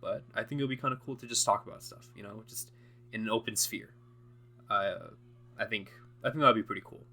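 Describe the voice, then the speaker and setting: A man's voice: lowish voice, brisk, creaky, bright, forceful tone, a little hiss or hum. A young man recording an unscripted audio diary, rambling and hesitant with many fillers and restarts, often breaking into laughs. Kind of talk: unscripted casual monologue.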